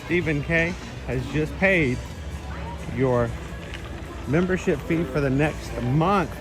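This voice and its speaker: Casting: male outdoor livestream host, casual and chatty, can't quite pronounce his R's, clear music behind him. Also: fairly high pitch, slow pace. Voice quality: speech impediment, trouble pronouncing R sounds. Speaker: live stream host. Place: outdoors in an animal theme park. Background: music, outdoor park.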